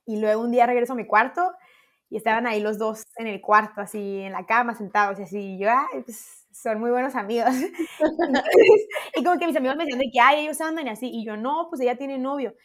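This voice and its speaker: A young woman co-hosting a podcast, telling a roommate story in a casual, animated way and acting out her own quotes. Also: fairly high pitch, fairly quick. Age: young adult. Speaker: podcast co-host.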